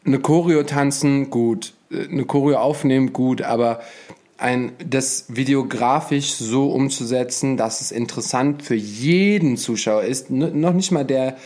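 A man's voice: medium pitch, a little slow, darkish tone. A man hosting a casual conversation, enthusiastic and slangy, talking in long rambling runs. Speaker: host.

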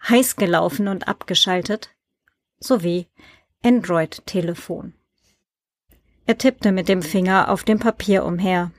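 A woman narrating an audiobook with calm, even scripted reading. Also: on the low side, unhurried, pauses often, dry recording, clean studio sound.

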